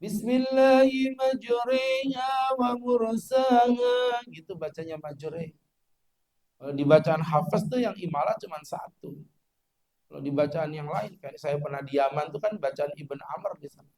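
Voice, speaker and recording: A man preaching a mosque sermon in a lively, joking way, chanting short recitation examples. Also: on the high side, normal speed.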